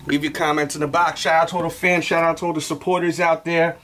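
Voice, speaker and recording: Talking fast in a fairly high, flat voice with a fairly bright tone, an American man in his thirties reviews sneakers for his casual vlog, full of slangy hype and catchphrases. He's a few steps from the camera in a small indoor room, with slight background noise.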